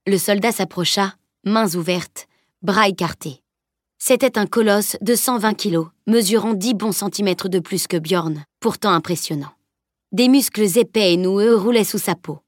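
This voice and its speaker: A woman narrating an audiobook in a steady, even storytelling manner. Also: medium pitch, unhurried, no room sound, clean studio sound. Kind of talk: scripted narration.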